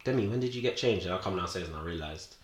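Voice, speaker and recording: A man's voice: low voice, animated, fast, echoey room. A young man with a London roadman accent telling stories in casual, rambling slang as a podcast co-host. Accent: London roadman, multicultural street slang. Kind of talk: casual chat and storytelling.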